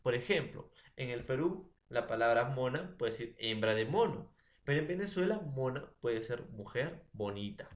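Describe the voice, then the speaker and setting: A Peruvian-accented man giving a classroom lecture, walking through examples and checking in with his students. His voice sits at an ordinary middle pitch. It rings a little in an echoey room. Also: animated, normal speed. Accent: Peruvian Spanish. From Peru. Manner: explains with many examples, checks in often with the class. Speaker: teacher.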